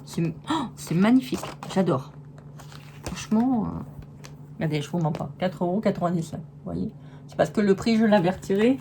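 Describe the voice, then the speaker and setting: A woman talks through a casual crafts haul at home, gushing and full of fillers and restarts. Her voice sits at an ordinary middle pitch. A faint background noise runs under the recording. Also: moderate pace. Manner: chatty, enthusiastic, many fillers and restarts. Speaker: crafts vlogger. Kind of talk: casual haul video chat.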